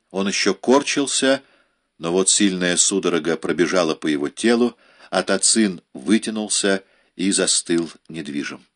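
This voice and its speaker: A man reading a historical novel aloud as an audiobook narrator, measured and dramatic. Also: low-pitched. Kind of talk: scripted narration.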